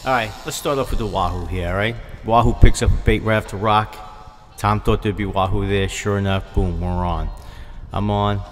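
A man's voice: fairly low pitch, fairly even intonation, normal speed. A middle-aged man hosting a fishing vlog, chatty and joking, often tagging his lines with "all right?". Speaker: fishing show host. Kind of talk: casual vlog narration. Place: outdoors on a boat at sea.

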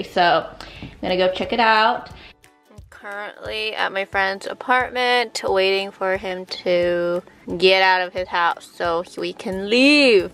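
Bright-voiced chatty young woman vlogging. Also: medium pitch. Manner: chatty, filler-heavy, uses "like" a lot. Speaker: vlogger, nursing student. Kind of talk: casual vlog chat.

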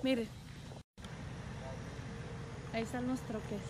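A woman's voice: a little high, steady tone, slow pace, heavy background noise. A woman truck driver, chatting casually with viewers on a live stream from a phone outdoors at a rest area, greeting them by name and laughing often. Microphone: phone held at arm's length.

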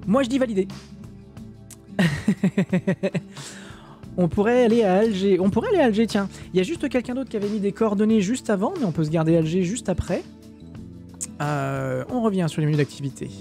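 Un streamer français sans accent qui commente un simulateur de vol en direct, lit le chat et plaisante, avec beaucoup d'hésitations. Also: male voice, high-pitched, a little fast, pauses often, dark tone, faint music behind. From France. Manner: chatty, joking, many hesitations. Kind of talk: live-stream flight sim commentary, reading chat.

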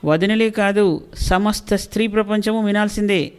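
An indignant middle-aged wife shouts her demands with stubborn defiance, voiced by a woman storyteller. This is a storybook reading in which she refuses to back down. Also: mid-range voice, steady tone, normal speed, clean tone, close to an everyday voice. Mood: outraged.

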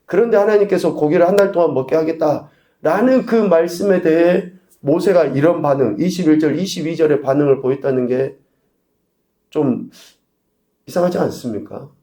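A male pastor preaching a sermon, asking the congregation rhetorical questions and swinging between loud emphasis and quiet asides. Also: a little high, normal speed, reverberant. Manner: preaching with rhetorical questions and sudden shifts in volume. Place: church sanctuary.

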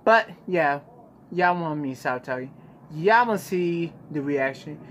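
A young man hosting a reaction video chats informally and exclaims often, recorded on a phone in his small bedroom. His voice is a little high and expressive at a measured pace. The home recording is noisy and muffled.

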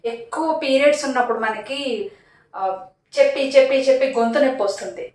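A woman's voice: high-pitched, quick pace. A woman schoolteacher casually explaining and demonstrating a small clip-on mic to camera, in a plain, practical way. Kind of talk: casual product demo to camera. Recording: roomy echo, mic set away.

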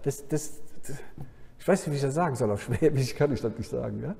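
Preacher with a "ja?" habit, reverberant hall. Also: male voice, mid-range voice, fast, gravelly, warm tone. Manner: frequent questioning "ja?" to the audience. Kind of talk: sermon at a Bible conference.

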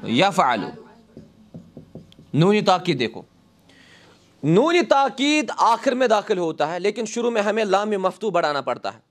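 A man teaching a grammar lesson in a classroom, asking his class questions and answering them himself, saying each Arabic example slowly and then translating it. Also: high-pitched, very animated.

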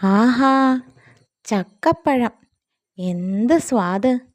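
A woman's voice: on the high side, expressive, drawn-out words. A woman doing a greedy big elephant savoring fruit. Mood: relishing. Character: big greedy male elephant, relishing food.

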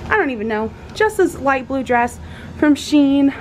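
A woman's voice: sits high, lively intonation, a little slow, low-quality recording. A young woman chatting casually in a bubbly sorority-girl way for a vlog, often saying "like", recorded on a handheld camera in a small room. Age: young adult. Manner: heavy use of "like". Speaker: vlogger, college sorority member. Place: small dorm room, indoors. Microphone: handheld camera at arm's length. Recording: clear room noise on camera mic.

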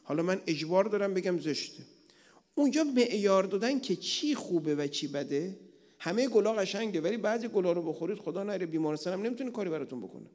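High-voiced male cleric in a reverberant hall. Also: animated, a little mellow. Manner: rhetorical questions, plain everyday examples. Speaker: cleric lecturing at a religious retreat. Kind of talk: conversational religious lecture. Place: large prayer hall of an Islamic center.

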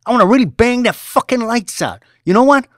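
A male storyteller impersonates a volatile young boss who bellows, curses and rages in aggressive New York street talk, his sing-song voice jumping high and wide. The tone swings wildly from line to line at a moderate pace, and the recording is close and dry with no room sound.

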